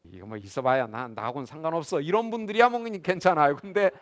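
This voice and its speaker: A man's voice: a little high, fast. A middle-aged man giving a Bible lecture to a class as a professor, acting out little scenes and putting questions to the room. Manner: animated, acts out scenes and asks the class questions.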